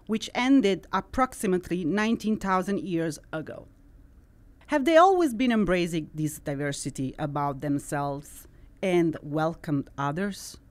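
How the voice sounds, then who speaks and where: A middle-aged woman from central Italy with an Italian accent, hosting a studio podcast and reading a measured, scripted introduction into a boom mic. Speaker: host. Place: studio with wood-slat wall. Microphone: boom-arm studio mic.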